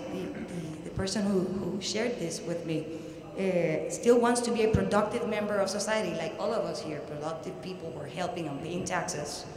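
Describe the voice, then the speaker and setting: A middle-aged researcher from Puerto Rico, with a Puerto Rican accent and a lowish, darkish voice, lectures at an academic conference in halting yet emphatic fashion. She speaks into a podium microphone in a large indoor university hall, and the recording is very echoey with audible background noise.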